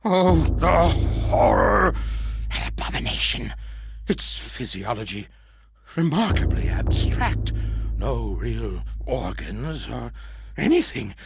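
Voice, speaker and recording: A man playing a half-mad male survivor in a horror monologue, lurching between hushed whispers, manic laughter and shouts. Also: medium pitch, big pitch swings, takes it slowly. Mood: horrified. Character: half-mad male survivor raving about monstrous parasites.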